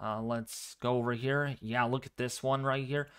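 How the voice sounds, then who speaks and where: A man hosting a live severe weather stream, speaking quietly but clearly in a calm, fairly monotone way while commenting and chatting with viewers. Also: mid-range voice, normal speed. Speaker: livestream weather host.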